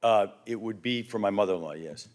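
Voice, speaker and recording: A man's voice: lowish voice, brisk. A man speaking at a town council meeting, polite and hesitant, often repeating words as he explains. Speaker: resident speaking at public comment.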